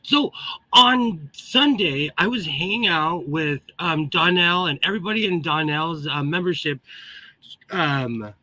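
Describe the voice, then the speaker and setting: A man's voice: fairly high pitch, lively intonation, a little slow, sharp tone, no echo. A man chatting casually as a livestream host, exclamatory and chatty, with a tinny, metallic microphone sound. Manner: chatty, exclamatory, greets viewers. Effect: tinny, metallic tin-can microphone sound. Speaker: livestream host, sewing hobbyist.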